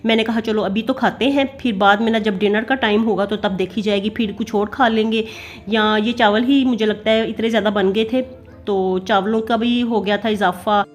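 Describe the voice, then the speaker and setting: A woman's voice: medium pitch, fairly even intonation, normal speed, faint music behind. A middle-aged woman with a Pakistani Urdu accent, chatting in a homely way as she narrates her family vlog. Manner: chatty, homely, many fillers. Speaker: family vlogger. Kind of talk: casual voice-over narration.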